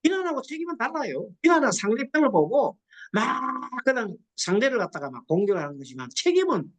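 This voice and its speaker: A woman's voice: fairly high pitch, big pitch swings, a little fast. A middle-aged woman, a Buddhist nun, gives a classroom lecture on psychology counseling, quizzing the class and acting out quoted dialogue.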